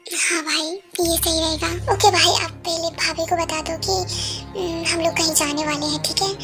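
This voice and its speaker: A woman's voice: extremely high pitch, steady tone, moderate pace. A woman doing young mafia men making plans. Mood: planning. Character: young mafia men, gang brothers planning guards. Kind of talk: amateur audio drama. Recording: clear background music.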